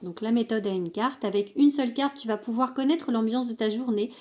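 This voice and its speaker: A woman's voice: a little high, brisk, a little mellow. A young woman casually presenting an oracle card deck, hesitant with many fillers, reading card texts aloud.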